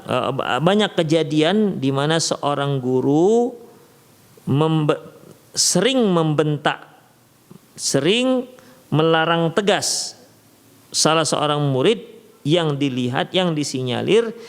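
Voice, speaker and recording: A man with a Medan Indonesian accent giving a religious lecture as a teacher, explaining slowly with many fillers and reading Arabic before translating it. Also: fairly high pitch. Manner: raises his voice sharply when acting out a scolding teacher. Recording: long hall reverb.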